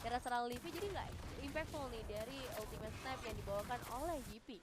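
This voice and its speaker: A woman commentating and analysing an esports match like an animated game announcer. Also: fairly high pitch, quick pace. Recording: broadcast with clear background noise.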